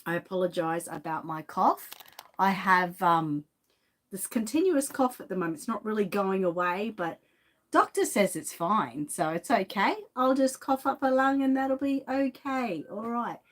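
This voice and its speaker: This reborn doll artist and shop owner, an Australian woman, speaks in a mid-range voice at normal speed. A lingering cough follows her as she chats casually on a livestream from her home studio, welcoming viewers by name.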